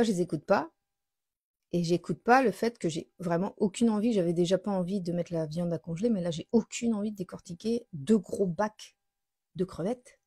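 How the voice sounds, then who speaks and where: A woman's voice: mid-range voice, darkish tone, husky, no echo, clean studio sound. A woman hosting a live stream, telling a personal story in a casual, confiding way with many fillers and restarts. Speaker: host of a daily live stream.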